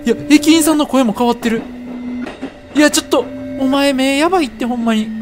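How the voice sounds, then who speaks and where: A man with a Kansai accent, commentating a horror game, excitable and jumpy with loud reactions. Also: extremely high pitch, brisk, noisy background. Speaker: gaming streamer. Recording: game music playing behind.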